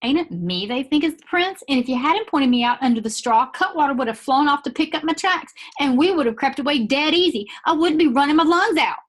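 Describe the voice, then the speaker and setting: A woman voicing a furious young boy, reading his loud, indignant lines from a book. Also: expressive, brisk, hardly any pauses. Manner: loud, indignant, high-pitched. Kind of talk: reading aloud a book dialogue.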